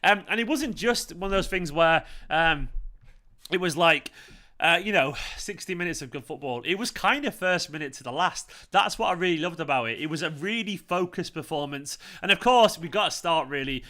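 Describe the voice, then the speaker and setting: Bright-voiced Mancunian man, emphatic football fan. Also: a little high, animated, moderate pace. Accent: Manchester. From Manchester, England. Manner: emphatic, repeating phrases for effect. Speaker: football fan channel host. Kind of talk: excited match reaction to camera.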